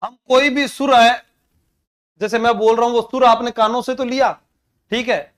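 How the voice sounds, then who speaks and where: Male tutor, high and smooth voice, playful mnemonic drilling for exam prep. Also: fairly even intonation, moderate pace, fairly bright tone. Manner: playful, drills terms by repetition. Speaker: teacher.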